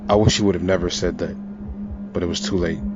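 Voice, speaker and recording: Deep-voiced man narrating a horror story. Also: fairly even intonation, quick pace. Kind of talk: first-person horror narration. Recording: lo-fi with music and crowd sound.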